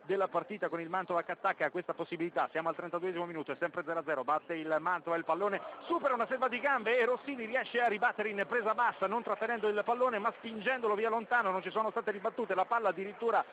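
A man's voice: sits high, fast talker, hardly any pauses. A man giving live radio football commentary, narrating play, score and minutes as the match unfolds. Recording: dull lo-fi radio feed, loud background noise.

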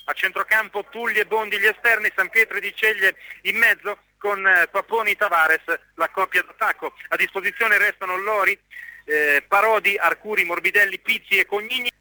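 A man gives running football commentary for radio. His voice is high for a man and very bright and forceful. It sounds like it comes down a telephone line. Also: dry recording. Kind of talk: live play-by-play commentary.

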